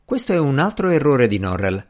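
A man's voice: mid-range voice, very animated, fairly quick, pitched above the performer's own voice, natural voice. A man reading the part of an ambitious, impatient young male magician in an audiobook, earnest and easily irritated.

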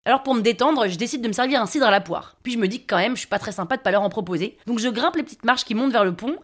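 A woman's voice: on the high side, animated, very fast. A woman narrating a scripted comic podcast story about herself, wry and self-mocking.

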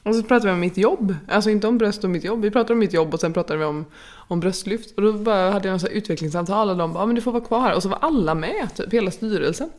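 A woman's voice: mid-range voice, a little mellow. Giggly chatty woman podcaster. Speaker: podcast co-host. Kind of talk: casual chat.

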